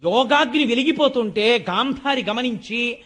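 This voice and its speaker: Older male preacher, high voice, storytelling discourse that acts out quoted lines. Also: moderate pace, fairly bright tone. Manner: storytelling, quotes characters in dialogue. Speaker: religious discourse speaker. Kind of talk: devotional discourse.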